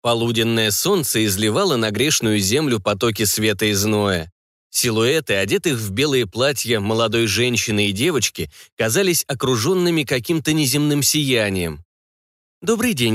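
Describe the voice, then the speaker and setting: Expressive male audiobook narrator. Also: lowish voice, moderate pace, dry recording, studio quality. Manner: expressive reading, varied intonation. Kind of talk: scripted narration.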